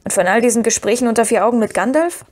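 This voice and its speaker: A woman reading the part of Pippin, a cheeky young male hobbit with a teasing, lively way of talking. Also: a little high, racing, natural voice.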